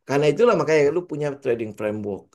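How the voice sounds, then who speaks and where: A man with a Jakarta-slang Indonesian accent coaches his listeners on trading in a casual, lively way. His voice sits a little high and swings widely in pitch as he fires off rhetorical questions and acts out traders' voices. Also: fairly quick.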